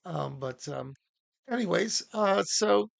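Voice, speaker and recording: A man hosting a casual livestream workshop, talking haltingly with many fillers and restarts. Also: high-pitched, lively intonation, gravelly, dry recording. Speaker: host.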